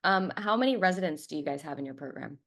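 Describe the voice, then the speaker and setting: A woman in her twenties, a medical student hosting a podcast interview, asking measured, friendly questions. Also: sits low, animated, fairly bright tone.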